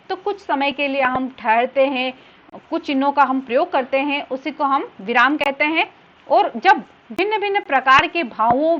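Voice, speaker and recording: Female teacher, high pitch, patient explanatory delivery; muffled lo-fi recording. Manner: explanatory, repeats and rephrases points. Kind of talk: grammar lesson.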